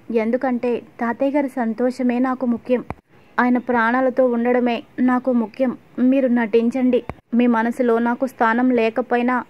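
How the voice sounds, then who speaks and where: A tearful young wife pleads with her husband, giving herself up for the family, read by a woman narrator. The voice sits high and barely moves in pitch. The recording is dull and lo-fi. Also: close to an everyday voice. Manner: tearful, self-sacrificing pleading.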